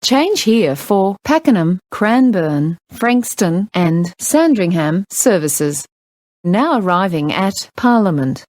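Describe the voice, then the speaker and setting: A woman with an Australian accent giving recorded train announcements, her words spliced together from separate clips in a clipped, even way. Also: medium pitch, slow pace, no echo.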